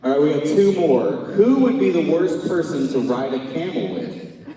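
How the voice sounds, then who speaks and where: A man moderating a fan Q&A panel, excited and geeking out. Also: a little high, normal speed, recorded from a distance. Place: large convention hall. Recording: echoey hall with crowd.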